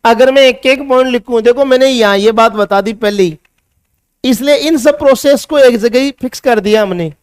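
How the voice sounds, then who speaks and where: A man's voice: very high-pitched, moderate pace, clean tone, no room sound, clean studio sound. A male chemistry teacher with a Hindi accent, giving a classroom lecture that mixes English science terms into Hindi and asks his students questions before answering them himself.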